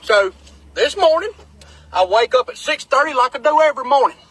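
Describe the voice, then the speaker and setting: A man telling a comic story from inside his truck, with incredulous, deadpan asides. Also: very high voice, a little fast, slightly rough, no room sound, low-quality recording. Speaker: comedic storyteller. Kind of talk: comedic storytelling vlog. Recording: dry, close sound in a small cab.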